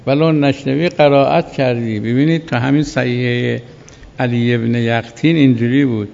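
Gravelly man lecturing in an echoey hall. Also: mid-range voice, steady tone, a little mellow. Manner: explanatory, asks "right?" to check understanding. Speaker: seminary teacher. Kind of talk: jurisprudence lecture. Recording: dull echoey recording in a large hall.

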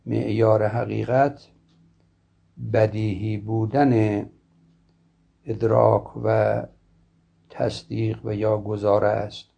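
Slow, gravelly-voiced male philosophy lecturer. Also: fairly low pitch, warm tone. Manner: slow, measured, scholarly delivery with frequent throat clearing. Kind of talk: formal lecture. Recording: dull lo-fi recording.

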